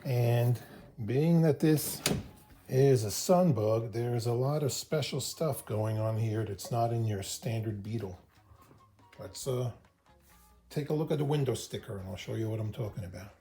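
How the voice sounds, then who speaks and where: A relaxed, chatty man walks through a hands-on car job in a garage, talking as he works. His voice sits at an ordinary middle pitch. Faint music plays behind him. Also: unhurried. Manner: relaxed and chatty, explaining while working. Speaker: host of a car restoration channel. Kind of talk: casual hands-on how-to narration. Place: garage, working inside a car.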